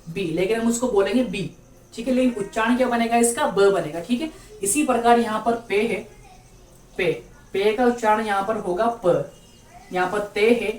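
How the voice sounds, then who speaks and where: Female patient teacher, roomy distant sound. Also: on the high side. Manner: patient, repeats each letter slowly with frequent "theek hai". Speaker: Urdu teacher. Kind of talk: online language lesson. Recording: roomy, distant mic with faint background noise.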